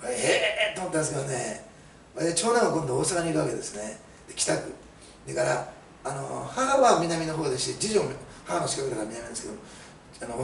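Lively, gravelly middle-aged male preacher. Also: fairly high pitch. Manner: chatty, animated storytelling with many fillers. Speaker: pastor. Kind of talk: sermon. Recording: roomy, mic at a distance, faint hiss.

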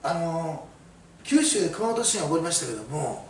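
Recorded in a roomy space with a distant mic and faint hiss, a middle-aged pastor preaches a sermon. His slightly high, sing-song voice is brisk with vocal fry, and he tells stories chattily with many fillers.

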